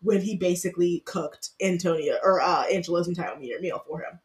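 A woman co-hosting a podcast, congested and sniffling, talking in a rambling, animated way with lots of fillers. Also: fairly low pitch, fairly quick. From Michigan. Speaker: podcast co-host. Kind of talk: casual chat recap.

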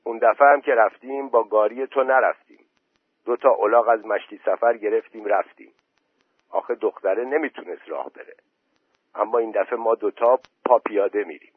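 A man voicing a weary village aunt who gives flat, resigned answers. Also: lowish voice, slightly rough, no room sound. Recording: dry tinny phone-like voice message.

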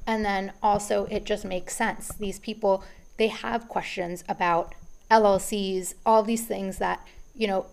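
A woman's voice: medium pitch, fairly even intonation, measured pace, vocal fry, a little mellow. A woman hosting a podcast, talking in a casual, rambling way with many restarts, a little out of breath. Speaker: podcast host. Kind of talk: casual business podcast monologue.

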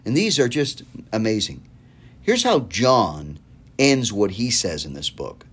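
A man's voice: on the low side, big pitch swings, unhurried, fairly bright tone, breathy edge. A man preaching a recorded sermon series, talking straight to the listener with earnest, pleading appeals and a loose, conversational flow of restarts. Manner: fillers and repeated words, conversational.

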